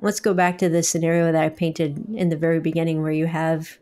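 A woman's voice: sits low, little pitch movement, brisk, mellow. A woman hosting an interview, asking direct, practical questions. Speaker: host.

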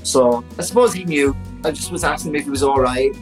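A man in his forties, a podcast guest telling a personal story in a chatty, animated way full of fillers. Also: on the high side, quick pace, music in the background, poor audio. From Ireland. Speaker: interview guest.

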